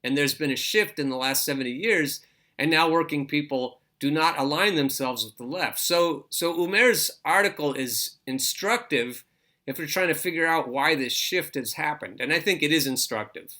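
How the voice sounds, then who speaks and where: Male podcast host, slightly high and bright, talks through political commentary with stop-start phrasing. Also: moderate pace. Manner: reads an article aloud and breaks in with his own comments; stops and restarts phrases, repeats words.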